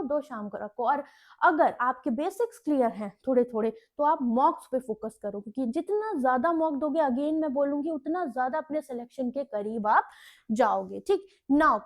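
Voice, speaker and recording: A young woman teacher with a high-pitched, expressive, darkish-toned voice gives a Hinglish lecture on bank exam preparation at a moderate pace. Her advice is direct and instructive, and she often checks in with her students by asking "ठीक है."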